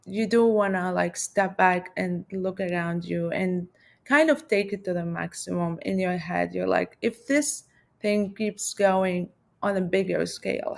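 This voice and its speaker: Her voice is on the low side and gravelly. She is a middle-aged math professor from Lebanon who reflects as a guest in a casual interview, often using fillers and starting her sentences over.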